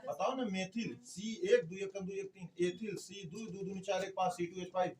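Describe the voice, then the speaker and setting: A man's voice: high voice, moderate pace, a little mellow, far from the mic, slight background noise. A man teaching a chemistry class, quizzing the students and answering his own questions. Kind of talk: classroom lecture.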